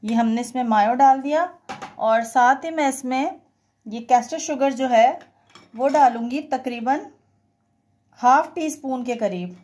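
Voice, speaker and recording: In this cooking tutorial voice-over, a woman presents a home recipe step by step with a high, warm voice. She takes her time, leaving long pauses, and keeps things conversational and instructional while weaving in English words.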